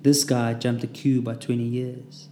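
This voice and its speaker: A man's voice: medium pitch, flat delivery, unhurried, mellow, a little hiss or hum. A man narrating his own war memoir in a vivid, dramatic storytelling manner. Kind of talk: scripted first-person memoir narration. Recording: roomy echo.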